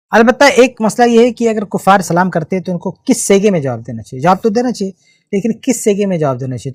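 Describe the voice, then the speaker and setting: A male preacher with a notably high voice answers a question in a religious lecture. The sound is dry and close. He tells the story in an animated way, shifting his voice for the quotes. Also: dry recording. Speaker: Islamic preacher.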